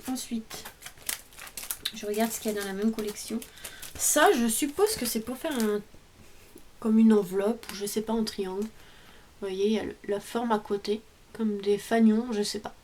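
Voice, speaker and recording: This woman's voice leans high but carries a darkish tone as she casually shows and tells about a craft haul at home. She chats hesitantly and tends to trail off.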